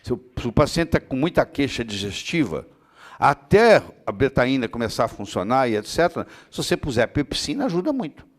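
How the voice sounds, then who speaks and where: A man lecturing a class on health topics at a middle pitch. He answers student questions in detail, leans on everyday analogies, and keeps asking whether they follow. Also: sing-song, a little fast. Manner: explains with everyday analogies, checks understanding often. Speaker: medical lecturer.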